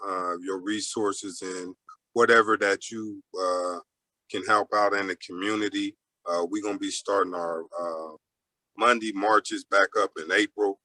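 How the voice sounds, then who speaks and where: A man organizing community marches, speaking casually on a panel with many fillers and pauses. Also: sits low, steady tone, pushed and bright, dry recording, rough recording. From Ohio. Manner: filler-heavy, halting.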